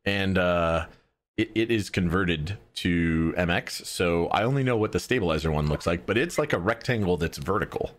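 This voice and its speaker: Male co-host, very low voice, relaxed explainer. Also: moderate pace. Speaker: podcast co-host. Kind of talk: casual chat.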